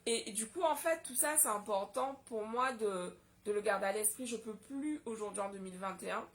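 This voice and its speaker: A woman from Guadeloupe delivers a casual solo vlog monologue. She talks with indignant passion. Her voice sits at a middle pitch. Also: a little fast. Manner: impassioned, indignant. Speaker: vlogger.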